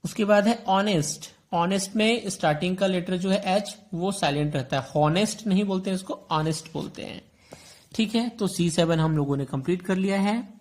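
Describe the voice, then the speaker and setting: A male teacher with an Indian English accent explaining a textbook lesson, repeating words and reading English lines out slowly. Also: sits high.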